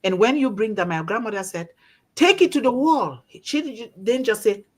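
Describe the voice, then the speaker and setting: An African-born and -raised woman leads a discussion, her voice on the high side with lively intonation at a normal pace. She tells stories and exhorts her listeners in an impassioned, informal manner, often repeating phrases for emphasis.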